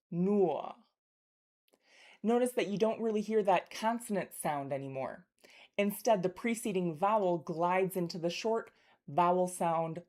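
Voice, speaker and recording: A woman's voice: medium pitch, a little mellow. A woman teaching pronunciation as a linguist, explaining carefully and articulately and demonstrating speech sounds, with a throaty r in German example words.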